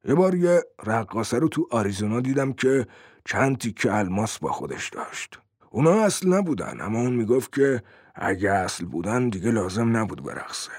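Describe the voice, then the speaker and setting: A man reading as Matt, a gruff hardened thief. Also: on the low side, a little mellow, no room sound, clean studio sound. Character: rough, blunt male thief, street-hardened.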